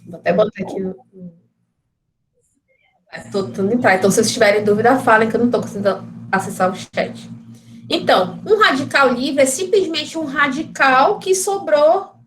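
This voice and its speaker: A woman's voice: a little high, moderate pace. A woman teaching an online class, her voice glitching and dropping out over a poor internet connection. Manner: explanatory, keeps checking in with students. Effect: glitching, dropping-out internet audio. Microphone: video call.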